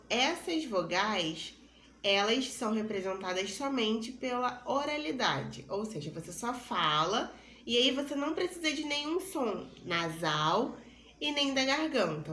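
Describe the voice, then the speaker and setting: A woman teaching a primary school lesson, speaking slowly and patiently and spelling out sounds for children to repeat. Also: a little high, a bit bright. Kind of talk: recorded lesson for young children. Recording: echoey room with faint noise.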